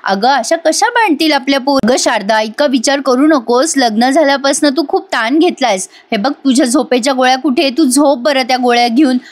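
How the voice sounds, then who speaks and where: A woman voicing a calm middle-aged husband from a TV serial, speaking gently and reassuringly. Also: high-pitched, fairly quick, few pauses, natural voice. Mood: soothing.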